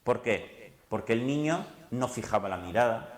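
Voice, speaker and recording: A middle-aged man with a Spain Spanish accent gives a lively, conversational psychology talk, acting out little dialogues as he speaks. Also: medium pitch, normal speed. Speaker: psychologist giving a lecture. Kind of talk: lively public talk to an audience. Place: lecture hall. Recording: echoey lecture hall.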